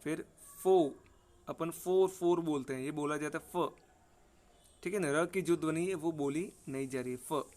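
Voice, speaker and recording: A man's voice: fairly high pitch, moderate pace, pauses often, darkish tone. A man teaching pronunciation for an exam, spelling out words letter by letter and often asking "ठीक है ना" to check understanding. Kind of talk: exam prep lesson.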